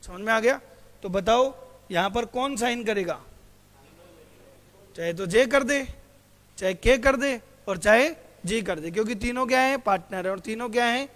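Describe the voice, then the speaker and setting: A man's voice: very high-pitched, moderate pace, pauses often, fairly bright tone. A male teacher giving a classroom lecture who keeps asking his students questions, answers them himself, and calls them "beta". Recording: hall reverb.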